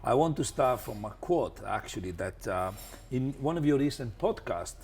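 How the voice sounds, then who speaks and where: A man hosting a podcast interview, effusive in his praise and often halting and restarting mid-sentence. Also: medium pitch, lively intonation, a little mellow, slight background noise. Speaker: podcast host.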